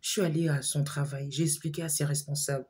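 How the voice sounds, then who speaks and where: Husky woman telling a story. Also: deep voice, fast. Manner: animated, repetitive, frequent fillers. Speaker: storyteller addressing her viewers. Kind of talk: casual storytime monologue.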